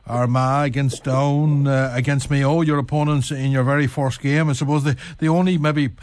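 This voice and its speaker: A man with a Donegal Irish accent presenting live sport on local radio, talking in a halting, roundabout way and often correcting himself. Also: mid-range voice, little pitch movement, darkish tone. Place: radio studio.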